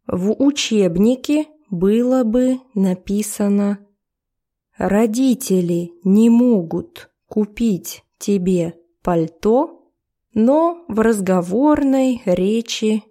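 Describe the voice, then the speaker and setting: A woman teaching a language lesson, explaining each phrase of a text step by step in a deliberate way. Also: mid-range voice, dark tone.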